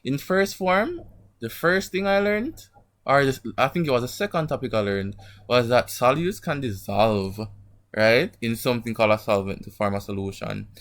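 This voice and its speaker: A man gives an informal online lecture as a teacher. His speech is a little muffled, as if his mouth is sore, and he keeps a mid-pitched voice. He regularly stops to check understanding with short tag questions. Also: animated, normal speed, a bit bright. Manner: didactic, frequent check-in tags like "right?" and "okay?". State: sore mouth from an emerging wisdom tooth. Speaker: chemistry teacher. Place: online class over screen share.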